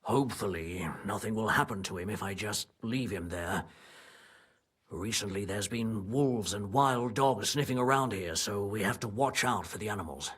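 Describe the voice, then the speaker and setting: Husky, wary medieval stableman. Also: lowish voice, moderate pace, a bit bright. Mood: grudgingly cooperative. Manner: blunt, folksy rustic phrasing. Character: wary, gruff medieval stableman, grudgingly helpful. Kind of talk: video game voice acting.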